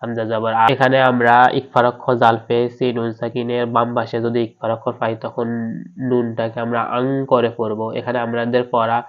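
Flat-voiced man teaching slow recitation. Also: mid-range voice. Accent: Bangladeshi Bengali. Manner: patient, spells out each letter aloud then joins them. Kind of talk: slow letter-by-letter spelling lesson. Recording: slightly dull lo-fi recording.

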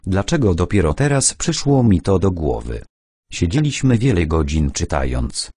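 An older, wry boss who mutters his lines in a low, husky voice, as a male narrator reads him. His speech stays dry and unhurried, with a rough edge and a lively, rising and falling tone. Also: dry recording, exaggerated voice. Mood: startled. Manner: mutters dryly.

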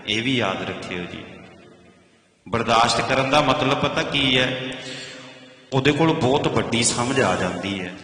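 A man's voice: medium pitch, pushed and bright. A man preaching a sermon, explaining verses line by line and at times chanting them. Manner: addresses listeners as "bhai" and "ji". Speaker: Sikh preacher explaining scripture. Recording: echoey hall reverb.

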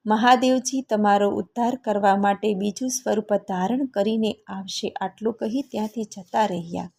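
Female narrator for a devotional scripture reading, steady and even delivery. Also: medium pitch, moderate pace, creaky.

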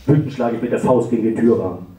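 A man reading his own darkly comic first-person stories at a live event, dry and sarcastic, often breaking into shrill mock-furious rants. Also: fast, dark tone. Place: library event hall. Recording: roomy hall, voice far from the mic.

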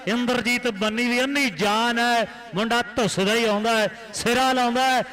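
A man with an Indian Punjab accent giving frantic rural sports commentary at a kabaddi match, repeating names and phrases in excited bursts. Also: very high voice, moderate pace. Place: live commentary at a village kabaddi tournament ground.

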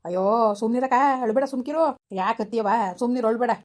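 A woman's voice: a little high, a little mellow, natural voice. A woman acting as a village woman who consoles the grandmother, soothing but blunt. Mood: consoling. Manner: soothing yet blunt, quick talk. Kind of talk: village comedy skit acting.

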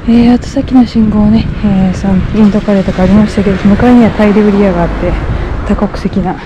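A young woman talking to herself as she walks city streets, filming a walking vlog with many fillers, dropping to a hush around passers-by. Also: medium pitch, fairly even intonation, fast. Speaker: walking vlogger. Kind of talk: solo walking commentary. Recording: street noise behind.

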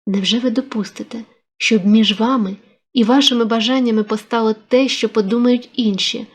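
A woman's voice: on the high side, steady tone, normal speed, slightly rough. A woman reading a novel aloud, voicing an ardent, insistent young man who presses a proposal. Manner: pressing, persuasive.

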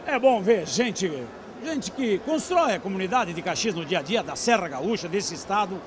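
A man with a notably high voice, working as a TV interviewer at a busy event. He is agreeable and keeps chiming in to back up his guest. Faint crowd chatter sits behind his handheld mic. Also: lively intonation, normal speed, noisy background.

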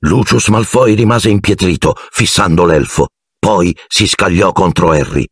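A man narrating an audiobook in a measured storytelling manner on a close mic. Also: low voice, slightly rough, dry recording. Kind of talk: scripted narration.

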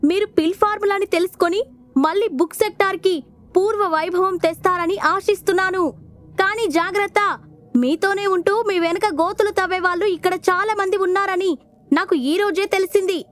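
A woman's voice: very high voice, moderate pace, dry recording, faint music behind, pitched above the performer's own voice. A woman voicing a sly young man who teases his rivals, in an audio storybook. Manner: teasing, mocking.

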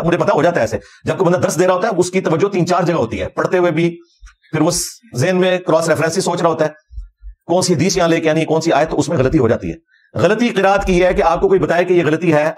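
A man giving an argumentative religious lecture as a scholar, talking in an emphatic, challenging way. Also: a little high.

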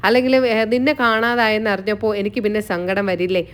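A woman's voice: medium pitch, little pitch movement, a little fast, clean tone, lightly acted. A woman voicing a shy, affectionate young husband who explains himself earnestly.

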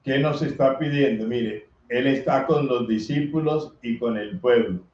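A male priest reads the gospel and then delivers a homily in a slow, earnest manner. When acting out people from the story, he breaks into a high, loud shout. The recording is echoey and a bit dull.

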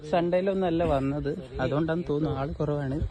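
A man's voice: a little high, steady tone, quick pace, a crowd in the background. A man with a Kozhikode Malayalam accent gives casual travel vlog commentary, mixing English words into his Malayalam. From Kozhikode, Kerala. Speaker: vlog host. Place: outdoors at a hill adventure park. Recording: music behind the voice.

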